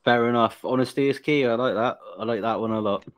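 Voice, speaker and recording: Here a podcast host from England, English accent and all, keeps the interview chat casual, laughing frequently and joking through teasing questions. His pitch is medium and he talks fast.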